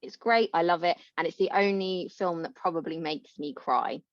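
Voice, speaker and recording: A woman guest on a podcast, chatting in a bubbly, animated, self-mocking way. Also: lowish voice, normal speed, dry recording. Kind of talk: casual podcast chat. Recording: dull, slightly lo-fi dry sound.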